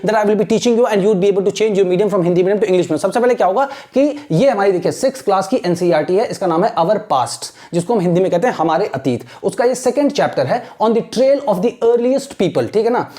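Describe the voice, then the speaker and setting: A woman teaching an exam-prep lesson, switching between quick Hindi and slow, deliberate English and often checking in with "ठीक है ना?". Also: mid-range voice, expressive, dark tone. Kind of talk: lecture mixing Hindi and English.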